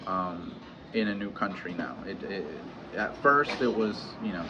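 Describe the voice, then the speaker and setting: A man in his thirties with a lowish voice speaks haltingly, full of pauses and restarts, as he opens up in a personal vlog. The audio is dull and lo-fi, with steady noise underneath. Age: 30s. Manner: hesitant, halting, many restarts and fillers. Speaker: vlogger. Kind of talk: candid personal vlog talk. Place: home in Mexico.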